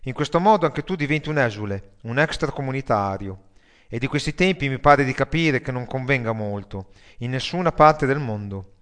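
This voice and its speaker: A sardonic metalhead worker who grumbles and swears about his job, as a male audiobook reader puts him on. His tone is loud and coarse at a plain middle pitch. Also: expressive, moderate pace, clear, resonant tone, natural voice. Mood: grumbling.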